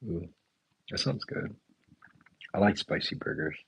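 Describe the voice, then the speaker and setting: A laid-back man hosts a live chat and reacts to viewer comments. His voice is low and gravelly with a husky, rough edge. The sound is dry and close. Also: lively intonation, measured pace, fairly bright tone, no echo, low-quality recording. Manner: laid-back, reads viewer comments aloud and riffs on them. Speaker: chef and restaurant owner hosting a live chat. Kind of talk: casual live-stream chat. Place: indoors, talking to a live chat.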